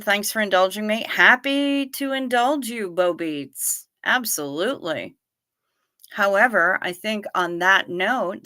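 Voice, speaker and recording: Reading comments on her casual livestream, a fifties-aged host from around Niagara Falls jokes with viewers and addresses each by name. She speaks with a fairly low, sharp-toned voice, recorded dry and clean in studio quality.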